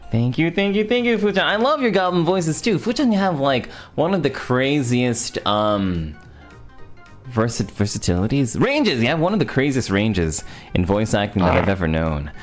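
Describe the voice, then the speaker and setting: A man hosting a casual birthday stream, talking in a bubbly, stop-start way. His voice swings widely in pitch, he often breaks into laughter, and he restarts his sentences. Soft music plays in the background. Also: normal speed. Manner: excitable, laughing, stammering restarts.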